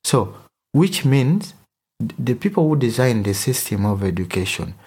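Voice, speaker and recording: Husky Ugandan man, earnest talk. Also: medium pitch, very animated, moderate pace, darkish tone. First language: Luganda. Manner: earnest, searching for words with restarts. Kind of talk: conversational discussion.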